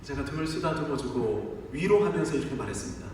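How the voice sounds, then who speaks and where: A middle-aged man preaches to his congregation in a fairly high, lively voice, stacking up phrase after phrase in a steady rhythm and firing rhetorical questions at the pews. He is captured from a distance in a large church sanctuary with a long, booming reverb, and a faint hiss sits beneath him. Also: fast talker. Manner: rhythmic listing cadence. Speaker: pastor. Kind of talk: sermon. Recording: echoey church hall from far off.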